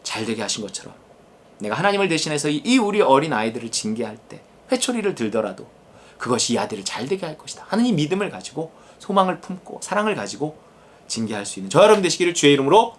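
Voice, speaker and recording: A man preaching a sermon as a pastor, animated and vivid, acting out the inner voices of the people he describes. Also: fairly high pitch, fast talker, a little hiss or hum. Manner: animated, acts out quoted inner voices and God's address.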